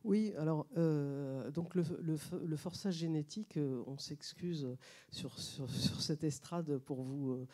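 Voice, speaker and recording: A woman journalist speaking on stage to a live audience, hesitant with many fillers and restarts, but lively and joking. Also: low-pitched, takes it slowly. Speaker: journalist and author on a panel. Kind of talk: public talk to a live audience. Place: stage at a public science event.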